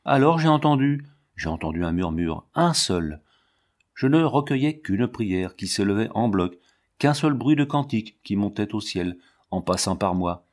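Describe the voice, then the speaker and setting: A man reading a literary novel aloud in a steady, measured narration, lightly voicing the soldiers' lines. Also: on the low side. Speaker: audiobook reader.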